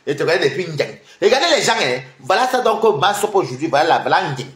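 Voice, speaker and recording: A man doing mocking gossip commentary on a live stream, animated and scornful, often repeating words. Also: a little high, brisk. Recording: roomy echo.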